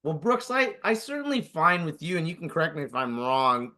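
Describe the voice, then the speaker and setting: Casting: upbeat coaching leader, higher pitch, bright, punchy casual talker. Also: male voice, lively intonation, a little fast. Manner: upbeat, swears casually, coaches and prompts others. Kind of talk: casual group call chat.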